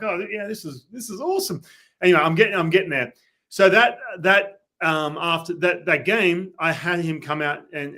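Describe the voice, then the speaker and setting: A man with an Australian accent and a fairly high voice, a former baseball pitcher, guests on a sports podcast. He tells stories in a casual, animated way, acting out the dialogue people said.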